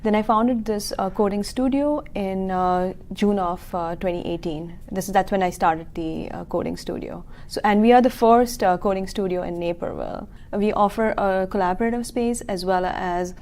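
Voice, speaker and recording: An earnest woman in her thirties who grew up in Kuwait, talking through her coding school for a local TV business interview. She explains things carefully with plenty of "uh" and "you know". Her voice sits at an ordinary middle pitch. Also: normal speed, hardly any pauses, darkish tone. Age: 30s. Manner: many fillers, earnest and explanatory.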